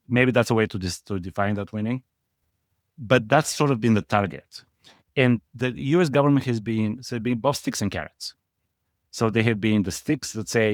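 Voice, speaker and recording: With a fairly low pitch and a Bulgarian accent, this middle-aged portfolio manager appears as a guest in a conversational interview. He talks emphatically, repeating words for stress. The recording is studio quality, with no room sound.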